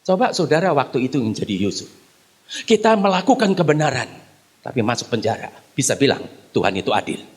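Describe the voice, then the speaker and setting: A man preaching a sermon in church as pastor, animated and speaking straight to his congregation. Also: medium pitch, fairly quick, husky. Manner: animated preaching, often addresses the congregation as "brothers and sisters"; calls the congregation to applaud. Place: church service on site.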